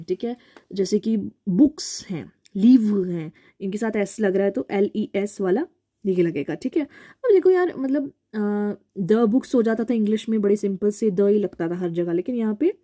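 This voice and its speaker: A woman's voice: mid-range voice, lively intonation, normal speed, warm tone. A woman teaching a casual language lesson in a chatty way, often checking in with her listeners as she explains. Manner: chatty, repeats "theek hai" often.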